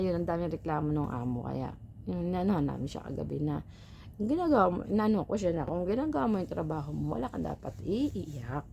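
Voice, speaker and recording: Telling stories to her viewers, a woman from the Philippines talks casually about her job as a household helper in a chatty, advice-giving way peppered with rhetorical tags. Her low voice is creaky and warm, and a faint room hum sits underneath.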